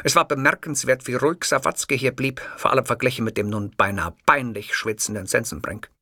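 A man reading an audiobook in scripted first-person narration, measured and dry. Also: mid-range voice, pushed and bright, no room sound.

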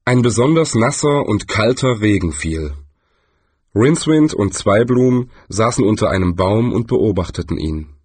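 A man narrating a humorous fantasy audiobook in an expressive storytelling manner. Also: on the low side, unhurried, slightly rough, no echo. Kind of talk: scripted narration.

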